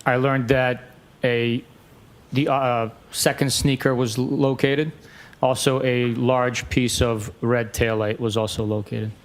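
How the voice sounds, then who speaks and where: A man's voice: mid-range voice, flat delivery, slow pace. A male police sergeant testifying in court, matter-of-fact and formal, with some hesitation.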